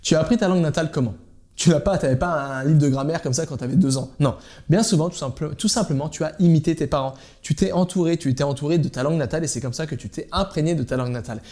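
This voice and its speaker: Fast-talking man coaching on languages. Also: on the high side, mellow. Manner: direct and informal, addresses the viewer with tu, repeats key phrases. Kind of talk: informal teaching monologue to camera.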